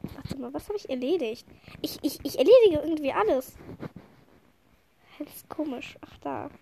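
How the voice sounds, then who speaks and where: Bubbly gamer girl, high voice, slightly sniffly from a cold, giggly chat. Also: normal speed, gravelly, slight background noise. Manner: chatty, excitable, giggly. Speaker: gamer playing with friends. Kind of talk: casual gameplay chat.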